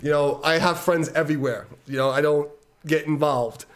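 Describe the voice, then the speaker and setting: A man's voice: a little high, steady tone, normal speed. A middle-aged man from Brooklyn, telling a rambling story on a live stream, swearing freely and laughing between words. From Brooklyn, New York. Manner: laughs often mid-sentence, heavy swearing, repeats words as he talks.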